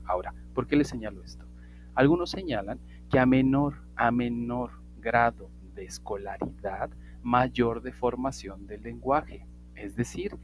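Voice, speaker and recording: A man's voice: mid-range voice, a little hiss or hum. A man giving a casual spoken English lesson, wandering into asides and restarting his sentences. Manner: talks around the point, restarts and asides. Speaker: English teacher.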